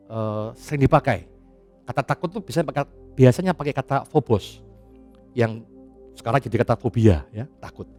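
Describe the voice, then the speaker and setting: A man preaching a sermon as pastor, in a chatty, animated way with casual asides and frequent laughs. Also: medium pitch.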